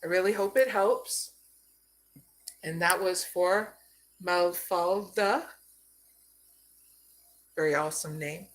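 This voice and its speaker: A woman from Arizona giving a live card reading, slow and soothing, often checking in with "okay?". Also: on the low side. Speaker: psychic card reader.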